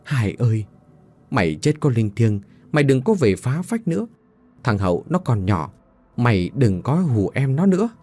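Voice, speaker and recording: A man voicing an anxious, weary older village mother who speaks in a worried, hushed way. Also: mid-range voice, sing-song, normal speed. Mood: praying.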